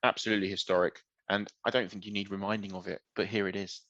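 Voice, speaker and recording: A man's voice: lowish voice, flat delivery, fast talker, fairly bright tone, no echo, highs cut off. A young man hosting a football podcast, chatting enthusiastically. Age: young adult. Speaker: podcast host. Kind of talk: casual podcast chat.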